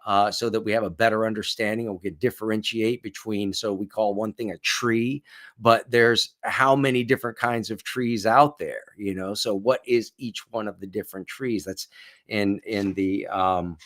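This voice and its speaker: A man with a very low voice reads aloud and comments as the host of a stream. He rambles, restarts his sentences and fills the pauses with ums and uhs. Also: steady tone, fairly bright tone. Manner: rambling, hesitant, many fillers. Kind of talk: casual reading and commentary.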